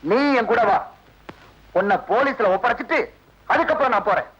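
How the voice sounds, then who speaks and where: A pleading, breathy elder brother. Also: male voice, high voice, expressive, normal speed, fairly bright tone, heavily acted. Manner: pleading, tearful, crying out in pain. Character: timid elder brother begging his brother to confess. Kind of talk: 1970s film melodrama. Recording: dull old film soundtrack with score.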